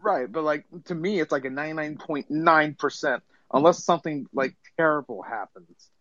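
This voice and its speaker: Hyped higher-voiced man on a dry line. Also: normal speed, a bit bright, no room sound, highs cut off. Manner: hyped, emphatic. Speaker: podcast co-host. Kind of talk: casual sports talk.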